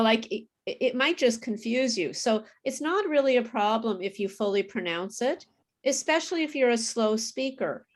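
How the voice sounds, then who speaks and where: A woman teaching English pronunciation in a live online class, explaining slowly and often checking in with "okay". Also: medium pitch.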